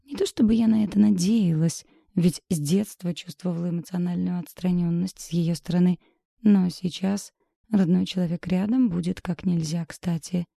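A woman narrating a first-person audiobook in a measured, intimate, introspective way, with a husky voice. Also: lowish voice, fairly even intonation, mellow, dry recording, studio quality.

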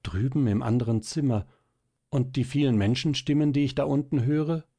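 A man's voice: mid-range voice, moderate pace, warm tone, husky, voice pushed up. A man voicing a shy, wondering young woman.

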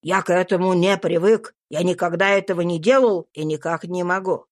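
A woman voicing a meek, devout enslaved man who speaks in a soft, low, respectful voice, pleading but firm. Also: steady tone, moderate pace, no room sound, clean studio sound, lightly acted.

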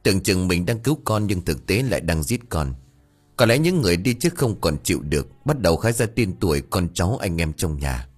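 A man plays a crafty old village sorcerer, deep and husky, lecturing with a lively rise and fall. He turns gruff and foul-mouthed when crossed. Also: a little fast, heavily acted.

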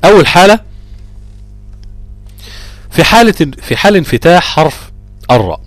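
A man with an Egyptian accent teaching Quran recitation rules, quizzing students and chanting verses slowly. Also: a little high, dry recording, soft background music. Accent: Egyptian Arabic. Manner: lively, drawn-out chanting of verse examples. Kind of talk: live tajweed lesson.

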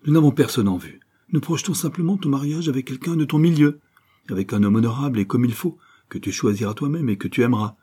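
A man's voice: medium pitch, animated, fast talker, mellow, slightly rough, pitched above the performer's own voice. A man reading an audiobook voices a proper bourgeois mother who lectures her daughter firmly. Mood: lecturing. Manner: firm, lecturing.

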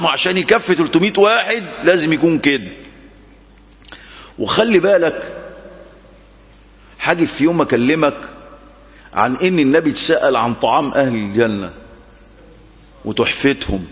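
A man with an Egyptian accent preaching a mosque lesson, telling a story with lively rhetorical questions. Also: a little high, big-room sound, dull audio.

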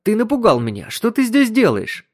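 Man playing a kindly flustered mom, higher voice, lively. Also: normal speed. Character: flustered, kindly suburban housewife and mother.

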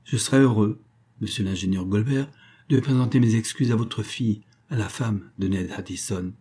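A man voicing a remorseful, courtly older billionaire who speaks formally, in a low, husky voice. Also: normal speed, mellow. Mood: contrite. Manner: formal, contrite.

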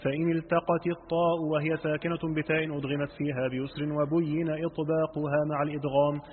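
Flat, high-ish man reading aloud. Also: a little hiss or hum. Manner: slow measured reading, drawn-out chanted words. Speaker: student reading the text aloud. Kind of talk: reading a classical text with chanted examples. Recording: tinny phone-like line, long reverb.

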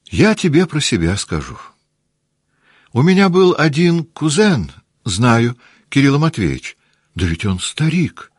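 A lively teenage girl, teasing and insistent, as a male audiobook reader puts her on. The voice is raised well above his own and swings widely in pitch. The studio sound is close and dry. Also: a little slow, slightly rough, no room sound. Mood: excited. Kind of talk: audiobook character voice.

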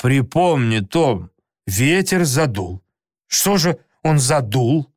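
A fretful, pious old aunt, as a male reader puts her on, exclaiming and pleading with slow, drawn-out weight. The voice is dry and close with no room around it. It is a storybook reading in which every plea lands with emphasis. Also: medium pitch, very animated, darkish tone, no room sound. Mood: coaxing. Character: old woman, fussing, pious, easily moved aunt. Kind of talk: audiobook character voice.

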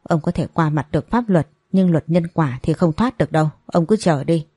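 A woman doing a bitter older mother in an audio story, hurling reproach at the man who wronged her. The voice sits low and husky, with a mellow, dry closeness. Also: brisk, no echo. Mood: furious, accusing. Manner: accusing, reproachful. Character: grieving, furious older mother confronting a man.

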